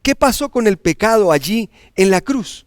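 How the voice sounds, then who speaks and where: Male host, lively up-and-down voice, enthusiastic, dry close sound. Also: high voice, normal speed, no room sound. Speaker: program host. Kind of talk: introducing and closing segments.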